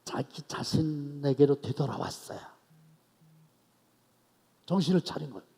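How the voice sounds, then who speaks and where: Male pastor mid-sermon, a bit high-pitched, husky, long church echo, animated loud-soft storytelling. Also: measured pace. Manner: animated storytelling, swinging between loud outbursts and soft asides. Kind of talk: expository sermon. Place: church evening service.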